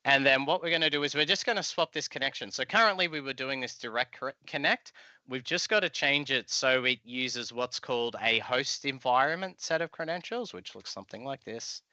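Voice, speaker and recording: A software tutorial instructor, a man around his thirties, gives an informal, explanatory live coding walkthrough over a video call from an indoor room. His mid-range voice is fairly quick, bright and forceful, and the lo-fi audio has no echo.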